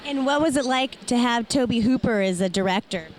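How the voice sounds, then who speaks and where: A woman with a slightly high voice works as an interviewer, putting questions in a casual, chatty style. There is faint ambient noise around her. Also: moderate pace. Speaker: interviewer, horror show host.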